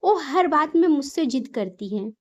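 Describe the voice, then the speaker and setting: A woman voicing an angry, stubborn older mother-in-law in a spoken storybook, talking in a sharp, scolding, insistent way. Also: sits high, expressive, normal speed.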